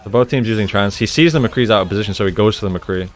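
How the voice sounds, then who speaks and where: Racing through his words in a lowish voice, a male gaming coach and analyst breaks down each move of the game in a conversational, explanatory manner. "Right?" comes up often as he checks in.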